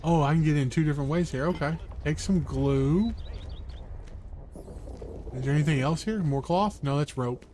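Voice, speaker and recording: A gaming streamer chats casually through a let's-play, tossing out wry remarks and thinking aloud as he explores. His voice sits a little high and mellow, moving at normal speed with frequent pauses, over slight background noise.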